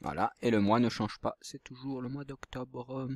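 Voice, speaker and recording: A man's voice: mid-range voice, fairly even intonation, normal speed. A male teacher patiently explaining handwriting and reading exercises step by step to young children at home. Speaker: primary school teacher. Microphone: computer mic while writing with the mouse.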